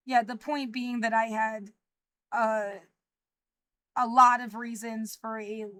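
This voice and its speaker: A woman in her thirties speaking in a livestreamed personal monologue, anxious and rambling, halting with frequent restarts. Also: a little high, a bit bright, dry recording. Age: 30s.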